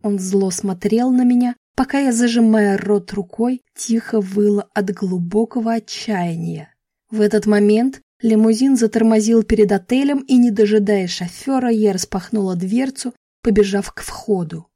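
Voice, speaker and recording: A woman's voice: mid-range voice, normal speed, warm tone, no echo, studio quality. A woman reading a first-person novel aloud, dramatically and with emotion. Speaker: audiobook narrator.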